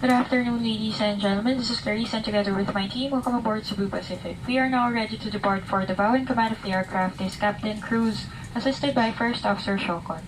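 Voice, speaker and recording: A woman's voice: medium pitch, fairly even intonation, quick pace, few pauses. A woman with a Filipino accent giving a scripted welcome announcement as a flight attendant. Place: inside an airliner cabin. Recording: distant, noisy cabin PA. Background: clear aircraft cabin noise.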